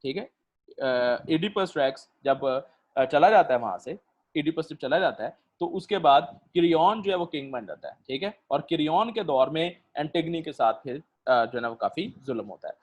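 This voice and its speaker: Man lecturing slowly, with many fillers. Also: a little high, lively intonation, lo-fi sound. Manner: explains slowly with many pauses and fillers, asks students questions. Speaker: literature lecturer. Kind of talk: online lecture.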